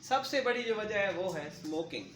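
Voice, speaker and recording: A man's voice: high-pitched, lively intonation, moderate pace, a bit bright, roomy sound, slight background noise. A man giving a medical lecture to paramedic trainees, explaining through lists and patient examples.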